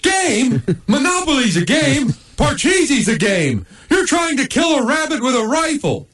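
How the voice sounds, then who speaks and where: A man's voice: extremely high pitch, big pitch swings, measured pace, a bit bright, voice pushed up, full character voice. A man voicing a grumpy male pet dog who grumbles sarcastically. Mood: sarcastic. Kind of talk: comic voice acting.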